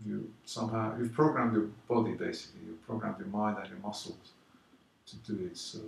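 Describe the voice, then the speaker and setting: A man teaching a drum rhythm, explaining calmly and counting the beats out loud, slow and emphatic. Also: on the low side, gravelly. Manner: counts beats aloud loudly and slowly between calm explanations. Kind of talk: casual drum lesson. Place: London. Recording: roomy echo, mic at a distance, drumming.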